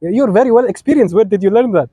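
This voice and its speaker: A young Egyptian man talks quickly in a high, mellow voice while leading a wedding as officiant. He's somewhat sick, so his voice isn't at full strength, but his sermon is lively and teasing as he jokes with the couple and switches between English and Arabic.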